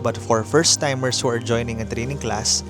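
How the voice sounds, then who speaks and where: A Filipino-accented man narrates a travel vlog in a scripted voice-over. His voice sits at an average pitch, and music plays underneath. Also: steady tone, fairly quick. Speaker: travel vlogger. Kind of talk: scripted voice-over narration mixing Tagalog and English. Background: music bed.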